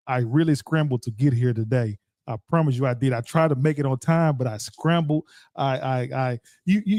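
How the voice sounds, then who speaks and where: Talking directly to his audience, this Texas radio host from the Dallas-Fort Worth area meanders through casual solo commentary full of repeats. The studio-quality recording is dry, and his mid-range voice has a warm tone.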